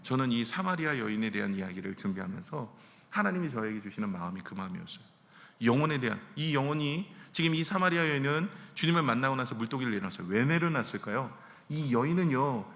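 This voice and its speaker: A man's voice: medium pitch, fast, creaky. A male pastor giving a conversational sermon, often putting questions to the congregation. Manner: animated, addresses the congregation directly with questions. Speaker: senior pastor. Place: church sanctuary. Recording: echoey church hall reverb.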